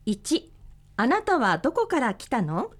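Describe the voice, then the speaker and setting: A woman's voice: high-pitched, huge pitch swings, a little slow. A woman co-hosting a language lesson, reading numbered translations of example sentences in a cheerful way. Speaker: lesson co-host.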